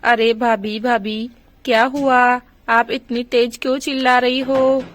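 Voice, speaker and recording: Brief: a woman doing an eager young village man, high slow voice, doll story. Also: flat delivery, no room sound. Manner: eager, reassuring. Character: young village man, helpful brother-in-law. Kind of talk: doll story role-play.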